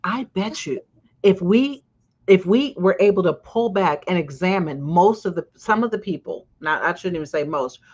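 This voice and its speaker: A woman hosting a casual talk show as a coach, telling stories with lively swings when she quotes people. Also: fairly low pitch, normal speed, husky. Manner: animated storyteller, swings loud when quoting. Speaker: podcast host and coach. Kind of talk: casual chat. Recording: slightly dull lo-fi sound.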